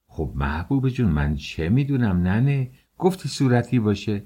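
A man voicing an old nanny woman who is lazy, fussy and pleading, with a husky voice. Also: low voice, sing-song, a little mellow, full character voice. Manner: pleading, chatty.

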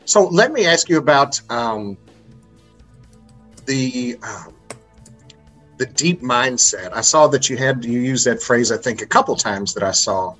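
A man's voice: mid-range voice, expressive, measured pace, long pauses, fairly bright tone, soft background music. A man co-hosting a podcast interview, enthusiastic, with frequent ums. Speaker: podcast co-host.

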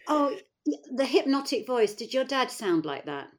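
A woman's voice: a little high, big pitch swings, moderate pace. A woman hosting a podcast, interviewing in an effusive, casual and chatty way. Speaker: podcast host.

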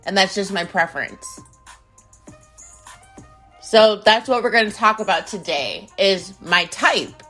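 A woman in her twenties hosting her own podcast in casual, playful chat that swings between loud bursts and low mumbles. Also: animated, unhurried, long pauses. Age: 20s. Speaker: podcast host. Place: home in Arizona. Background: music beat playing.

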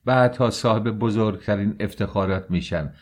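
A man's voice: sits low, lively intonation, darkish tone. A man voicing a proud, tormented young man who argues heatedly and bitterly.

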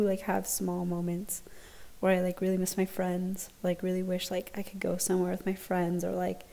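A young woman with a creaky, warm, mid-range voice gives a self-conscious, hesitant and awkward solo podcast update in casual style. She's recording in a dorm lounge using a laptop and an earphone mic.

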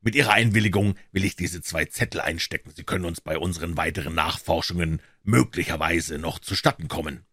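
A man voicing a calm detective in an audiobook, measured and dryly ironic. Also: sits low, no echo, studio quality. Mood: cool, ironic.

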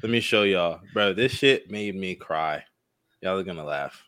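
Bright-voiced young American frat-bro guy. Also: deep voice, a little slow, clear, resonant tone, no room sound, studio quality. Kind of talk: casual group chat on a stream.

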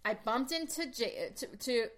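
A woman's voice: a little high, animated, a little slow, fairly bright tone. A woman co-hosting a podcast, telling a personal story candidly in casual chat, acting out quoted dialogue and swearing freely. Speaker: podcast co-host.

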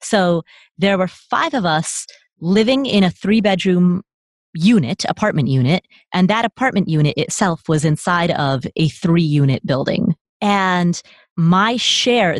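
Woman guest, slightly low voice, dry close mic, animated and chatty. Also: no echo. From Nepal. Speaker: podcast guest. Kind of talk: conversational interview.

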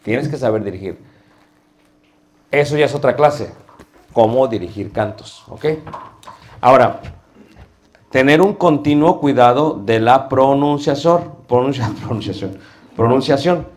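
A man's voice: mid-range voice, unhurried, long pauses. A middle-aged man teaching a class on preaching, asking the students rhetorical questions. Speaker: homiletics teacher.

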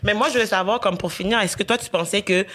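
A man's voice: sits high, fast, bright, forceful tone. A man, talking in a rambling way with many fillers as host of a casual panel chat.

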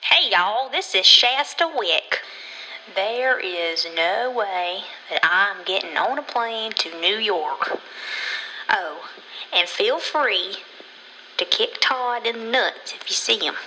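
Woman playing a brash, slow, bright-voiced message leaver. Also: mid-range voice, expressive, a little hiss or hum, poor audio. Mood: sassy, defiant.

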